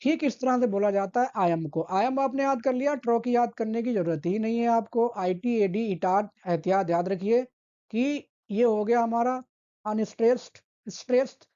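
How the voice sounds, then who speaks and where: A woman's voice: on the high side, normal speed, mellow, dull audio. A woman giving an exam-prep literature lesson, patiently repeating key terms and asking questions as she explains. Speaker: English literature teacher.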